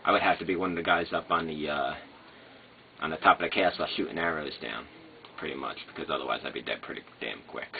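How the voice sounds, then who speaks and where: A man talks in an extremely low voice with slurred speech. He rambles casually and hesitantly, wandering from thought to thought like a vlogger. The sound is narrow and phone-like, with faint noise behind him. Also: fast talker, gravelly. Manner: hesitant, meandering, trailing off. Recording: noisy, muffled phone-like sound.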